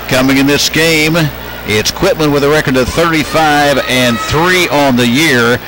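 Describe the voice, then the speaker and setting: A man's voice: fairly high pitch, steady tone, a little slow, low-quality recording. A man hosting a radio sports broadcast, giving pregame commentary. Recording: loud music behind the broadcast.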